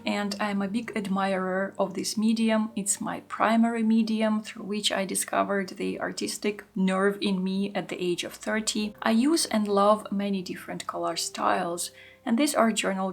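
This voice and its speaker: A woman in her thirties, a native Russian speaker who creates art journaling content, gives a gentle, reflective voice-over. Her medium-pitched voice has slight fry at the ends of phrases, and she sounds calm, unhurried and introspective.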